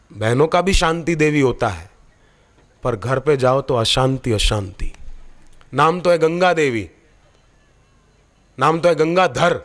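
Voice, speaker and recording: A man preaching a devotional sermon, telling stories with animation and putting questions to his listeners. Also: mid-range voice. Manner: animated storytelling, questioning the audience.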